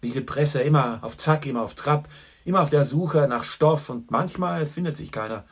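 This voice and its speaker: A man voicing a boisterous, worldly middle-aged journalist who talks loudly and boastfully. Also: a little high, moderate pace, breathy edge, pitched above the performer's own voice. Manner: loud, hearty and boastful.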